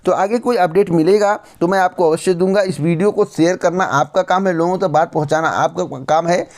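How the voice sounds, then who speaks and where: A man delivers direct-to-camera news commentary in a noticeably high voice. He lectures bluntly and hammers points home by repeating phrases. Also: a little fast, a little mellow. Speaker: news channel host.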